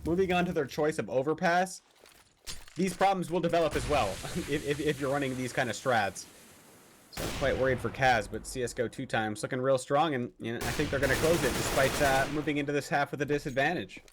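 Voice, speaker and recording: A man's voice: mid-range voice, noisy background. Man casting an esports match. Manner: quick excitable play-by-play, jokes with co-caster. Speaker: esports caster. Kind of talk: live play-by-play commentary.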